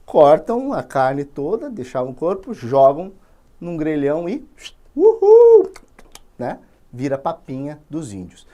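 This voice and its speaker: Animated slangy Brazilian teacher. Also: male voice, a little high, unhurried. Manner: slangy, animated storytelling, frequent tag questions. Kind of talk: informal literature lesson.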